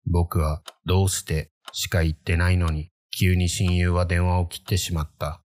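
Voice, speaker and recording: A man narrating a creepy ghost story in the first person, in a measured, brooding manner. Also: low voice, little pitch movement, a little mellow, slight background noise.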